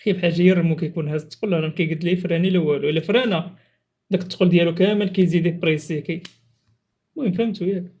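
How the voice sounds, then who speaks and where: A man's voice: a little high, fairly even intonation, rapid-fire, background noise. A man with a Moroccan accent chatting casually and teasingly as he reacts to clips, with exclamations. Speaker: video creator reacting to funny clips.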